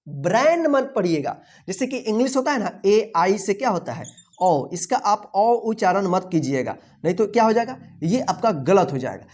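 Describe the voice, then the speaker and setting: A man's voice: high-pitched, a little mellow. A male English teacher giving an online phonics lesson, spelling words letter by letter and checking in with "theek hai na" after almost every point. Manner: asks rhetorical questions, repeats "theek hai na" often.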